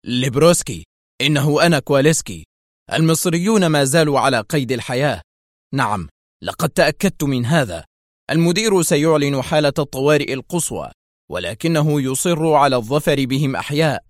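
A man acting out a fierce, high-strung male intelligence officer in a spoken story. He barks his words with harsh, commanding urgency, and the voice is dry and close. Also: brisk, no room sound, close to an everyday voice. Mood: menacing.

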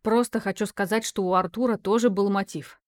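A woman's voice: mid-range voice, fairly even intonation, a little fast, lightly acted. A woman voicing a touchy, defensive young man with curt, sulky replies in an audiobook reading.

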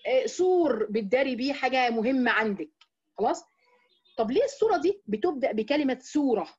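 An Egyptian woman with a fairly high voice teaches a religious lesson to women at a brisk clip. She poses questions and answers them herself, slowing down to stretch out the key words. The recording sounds dull and lo-fi. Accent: Egyptian Arabic. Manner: explains with rhetorical questions and checks "right?". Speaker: Quran teacher.

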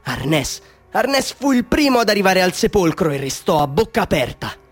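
With soft music in the background, the actor's high, sing-song voice moves at a moderate pace, sounding excited and fervent. He portrays a bitter, half-mad village man recounting his tale in a theatrical radio drama monologue that veers between hushed confiding and fervent declaiming.

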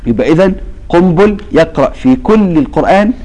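A man's voice: on the high side, expressive, dark tone, rough recording. Egyptian sheikh quizzing his students. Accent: Egyptian Arabic. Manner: quizzes students with fill-in-the-blank questions; slow, drawn-out recitation of verses. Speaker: sheikh teaching Quran recitation. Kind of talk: classroom lesson.

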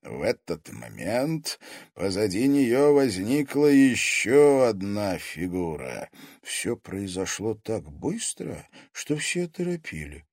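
Male audiobook narrator, measured, animated pitch, dry booth. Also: no room sound.

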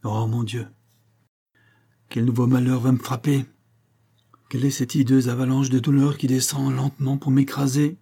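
A man's voice: medium pitch, level tone, normal speed, creaky, pauses often, mellow, slightly rough. A man reading an audiobook, voicing a proud, hot-tempered young country squire in raised, urgent outbursts. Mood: anguished.

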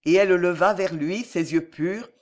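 A man reading a classic novel aloud as an audiobook, measured and expressive with dramatic pauses. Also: sits high. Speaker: audiobook reader.

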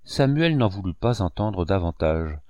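A man narrating a classic novel in a steady, dramatic reading. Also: low voice, unhurried, no echo, highs cut off. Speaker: audiobook narrator. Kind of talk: scripted narration.

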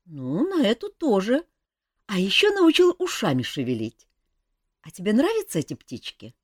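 A woman's voice: medium pitch, huge pitch swings, moderate pace, dry recording, studio quality, voice pushed up. A woman voicing a glum, hungover young male elf prince who sighs and complains plaintively. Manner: plaintive, sighing.

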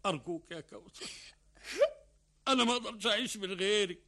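A man's voice: sits high, fairly quick, sharp tone. An actor with an Egyptian accent playing Shamis, a rich, devoted husband who pleads with his wife in a radio drama. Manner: pleading, eager, talks over his wife.

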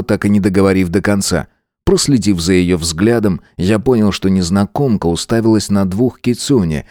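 Low-voiced male audiobook narrator. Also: no echo, clean studio sound. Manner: steady, even storytelling. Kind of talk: first-person fantasy audiobook narration.

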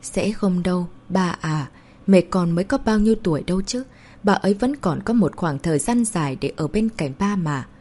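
A woman's voice: lowish voice, expressive, moderate pace, darkish tone. A woman voicing an emotional young mother in an audiobook, talking in an earnest, pleading way.

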